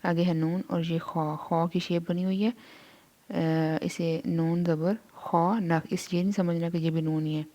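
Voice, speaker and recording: Woman Quran teacher, lowish voice, slow careful syllable drills. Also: little pitch movement, mellow, lo-fi sound. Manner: slow syllable-by-syllable drilling, then quick explanations. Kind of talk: spelling out syllables in a slow lesson.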